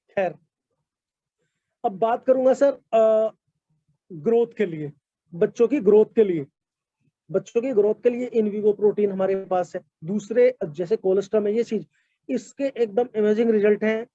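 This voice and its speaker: A man's voice: sits high, dark tone, no room sound. A man giving product testimonials in an online meeting, talking politely with many fillers and frequent "sir". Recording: dull lo-fi call audio.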